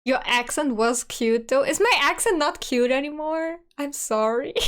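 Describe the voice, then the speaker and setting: A German-accented woman in her twenties streams herself reacting to an old video of hers, chatting casually, laughing often, and saying "like" a lot. Her voice sits high and sounds fairly bright and animated, though her pace is slow. She's recorded on a USB studio microphone.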